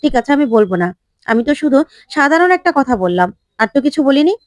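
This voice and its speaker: A woman voicing a sharp-tongued, spiteful young wife who scolds in quick, cutting lines. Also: high-pitched, big pitch swings, no room sound.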